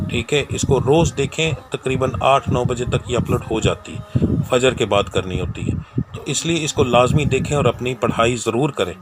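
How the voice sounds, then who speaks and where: A man hosting a spiritual advice channel, giving earnest, preachy religious guidance to viewers and often pausing to check in with "okay". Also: medium pitch. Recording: clear background noise.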